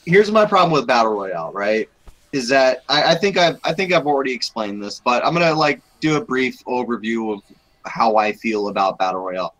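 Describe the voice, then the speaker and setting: A man's voice: mid-range voice, animated, brisk, fairly bright tone, rough recording. A young man co-hosting a casual gaming chat, rambling with many restarts. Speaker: podcast co-host.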